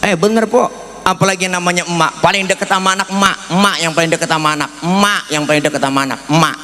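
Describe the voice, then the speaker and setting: A man's voice: sits high, fast, pushed and bright. A man with a Betawi accent giving a comic sermon, joking with the congregation, asking them to agree, and slipping into sing-song chanting. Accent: Betawi Malay. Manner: jokey, often asks the crowd for agreement, lapses into sing-song chanting. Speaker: Islamic preacher. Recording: echoey hall reverb.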